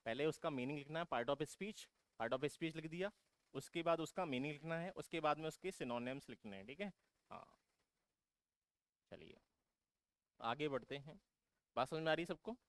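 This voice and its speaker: A man's voice: fairly high pitch, lively intonation, moderate pace, pauses often, no room sound. A man teaching exam vocabulary who keeps asking his students questions and then answering them himself, calling them "beta". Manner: repetitive, drilling explanation. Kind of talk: vocabulary lesson for exam prep.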